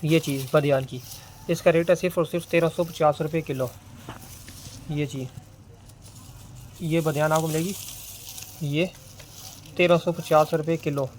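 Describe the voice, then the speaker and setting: A man with a Pakistani Urdu accent and a slightly high voice presents spices in a relaxed seller's patter. He keeps repeating prices in an everyday way. A faint background noise sits under his voice. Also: normal speed, pauses often. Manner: repetitive price-calling, plain salesman patter. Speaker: spice and dry fruit seller. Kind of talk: casual sales walkthrough.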